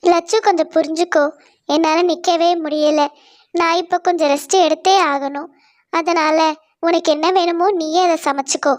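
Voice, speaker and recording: A woman voicing a gentle, kind young female bird who speaks in a pleading, worried way. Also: very high-pitched, level tone, normal speed.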